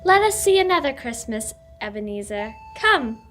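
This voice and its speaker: A woman playing a solemn, gently commanding ghost in a radio play, speaking in a measured, formal way. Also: on the high side, very animated. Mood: solemn, gentle. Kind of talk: old-time radio play acting. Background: music.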